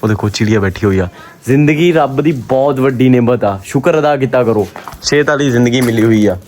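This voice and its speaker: A man with a Pakistani Punjabi accent talks casually as a vlogger, in a mid-pitched voice. He is expressive and repeats his phrases, with faint background noise around him. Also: brisk. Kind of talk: casual vlog chat.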